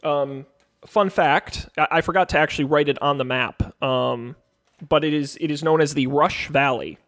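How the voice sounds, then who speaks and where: A man's voice: on the high side, normal speed, a bit bright, no echo, studio quality. Chatty man running a tabletop game. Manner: loose, chatty narration with many ums and restarts. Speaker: game master.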